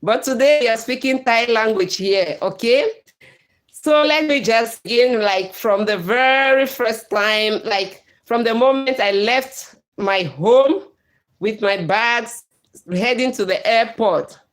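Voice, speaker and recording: A livestream host with a Cameroonian accent, whose first language is Bakweri, reads out viewer comments in a lively way. She laughs often and drops in pidgin phrases. Her voice sits on the high side, and she speaks slowly.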